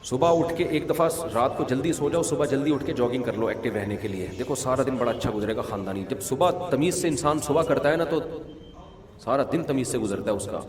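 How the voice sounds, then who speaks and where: In a relaxed religious talk, a male mufti fields questions, weaving funny anecdotes in among his rulings and making sure his audience keeps up. He speaks in a mid-range voice, with long hall reverb on the recording.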